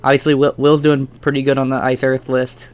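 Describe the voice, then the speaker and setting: A man's voice: medium pitch, level tone, smooth. A man commentating a card game stream in casual chat, rambling with lots of fillers. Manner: fast, rambling, many fillers.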